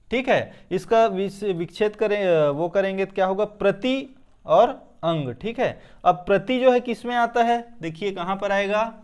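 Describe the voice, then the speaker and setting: A man with a high, smooth, resonant voice teaching an exam-prep grammar lesson. He has a Hindi accent from Chhattisgarh. He fires off a question and then answers it himself, again and again. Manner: repeats each word with "ठीक है".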